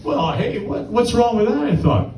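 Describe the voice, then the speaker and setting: A man's voice: extremely high pitch, animated, moderate pace, over a noisy crowd. A man in his sixties performing a stand-up comedy set, telling rambling stories with wry punchlines. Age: 60s. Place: live comedy stage. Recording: roomy, distant mic.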